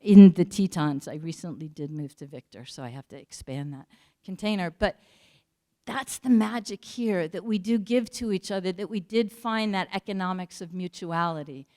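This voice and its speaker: A woman giving a community talk, earnest and searching for words with fillers and pauses. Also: lowish voice, warm tone. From United States. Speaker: panel speaker.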